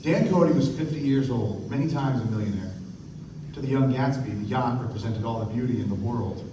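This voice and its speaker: Performing in a live radio play, a male actor narrates scripted literary prose as a thoughtful young man remembering his rich friends. His medium-pitched delivery is fairly quick and only lightly acted, captured from afar on an echoey stage with noise and background music.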